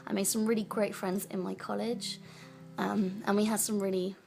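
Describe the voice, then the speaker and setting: A woman's voice: mid-range voice, flat delivery, normal speed, gravelly. A woman in her twenties from Yorkshire, narrating her own life story as a voice-over in a reflective, sentimental way. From Yorkshire, England. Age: 20s. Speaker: vlogger. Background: music backing.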